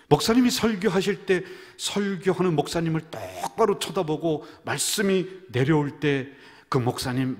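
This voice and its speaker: A man, the senior pastor, preaching a sermon full of jokes and stories, swinging from loud calls down to near whispers. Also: mid-range voice. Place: church sanctuary. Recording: church hall reverb.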